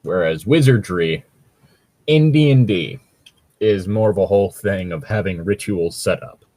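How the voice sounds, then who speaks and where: Here a man co-hosting a podcast reads fan fiction and pokes fun at it in easygoing chat, swearing without restraint and complaining drily along the way. His low, mellow voice moves at a measured pace, with no echo in the recording.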